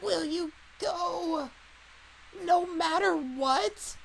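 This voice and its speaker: A woman voicing a desperate, insistent old woman with a strained croak, in amateur horror game narration. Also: very high-pitched, slight background noise, voice pushed up, heavily acted, rough recording. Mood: pleading. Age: older. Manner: slow, drawn-out, insistent. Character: desperate, creepy old Japanese woman, pleading and commanding.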